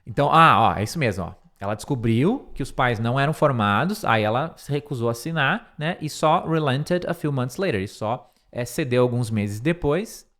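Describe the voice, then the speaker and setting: A middle-aged man teaching an English lesson, going through a speech line by line, repeating words slowly to model pronunciation and correcting himself as he thinks aloud. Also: mid-range voice, lively intonation, fairly bright tone.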